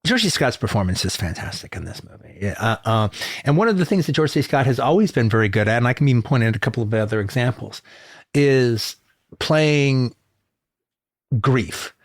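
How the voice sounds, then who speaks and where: A man's voice: mid-range voice, animated, normal speed, no room sound. A man co-hosting a film podcast, talking in a rambling, emphatic way and dropping into quoted asides. The recording is dry and close, with little room sound. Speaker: podcast co-host. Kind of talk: casual film discussion.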